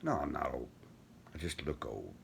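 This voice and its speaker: Very animated at a moderate pace, a deep-voiced older man without teeth rambles casually through a guitar vlog, folksy and poking fun at himself, his words soft-edged. Background noise comes through clearly, along with room ambience.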